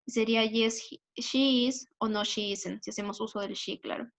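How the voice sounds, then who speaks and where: A woman's voice: fairly high pitch, steady tone, normal speed. A woman with a Peruvian Spanish accent, explaining English grammar patiently over slides, with many fillers and tag questions. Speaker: English teacher. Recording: dull lo-fi recording.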